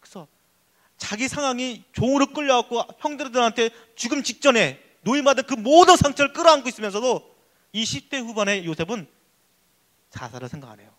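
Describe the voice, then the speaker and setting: A male pastor giving an emphatic, excitable sermon at a church youth service. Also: very high-pitched, fairly quick. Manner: excitable, emphatic preaching that acts out prayers.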